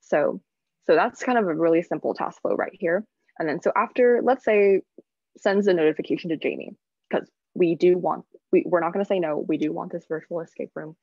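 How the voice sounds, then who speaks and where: A woman's voice: fairly low pitch, brisk, gravelly, darkish tone, no echo. A woman in her twenties presenting a workshop casually and chattily over a video call, with muffled audio. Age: 20s. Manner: informal, chatty.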